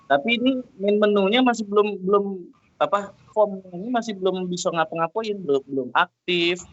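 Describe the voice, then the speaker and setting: A man's voice: sits high, brisk, dry recording, highs cut off. A man teaching a programming class over a video call, guiding students patiently step by step while his audio keeps breaking up and cutting out. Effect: choppy call audio that keeps cutting out. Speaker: programming lecturer. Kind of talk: online class instruction.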